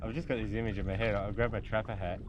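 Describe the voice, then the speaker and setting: A man's voice: on the low side, steady tone, rapid-fire, lo-fi sound. A man chatting casually and laughing easily while out on a kayak camping trip. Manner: chatty, laughs often, jokey. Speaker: vlog host. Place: outdoors on a lake. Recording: loud outdoor noise, water and paddling.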